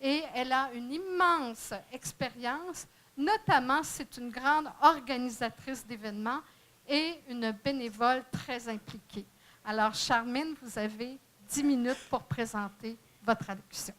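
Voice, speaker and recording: A woman's voice: high-pitched, a little slow, fairly bright tone. A woman moderating a conference panel, introducing speakers with many fillers and restarts. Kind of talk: bilingual conference panel hosting. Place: conference room.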